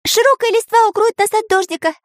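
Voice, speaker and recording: Woman doing a shrill, eager little pencil boy. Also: fast, no room sound, clean studio sound. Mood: excited. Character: excitable young male pencil character.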